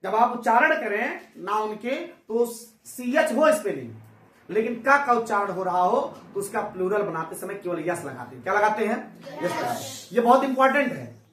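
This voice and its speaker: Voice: mid-range voice, a bit bright. Teacher drilling a class in a roomy room. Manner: drills the class with repeated call-and-response questions; addresses pupils as children, scolds chatter. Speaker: English teacher. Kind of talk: classroom lesson. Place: classroom with traffic outside. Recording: roomy classroom sound, distant mic, faint traffic noise.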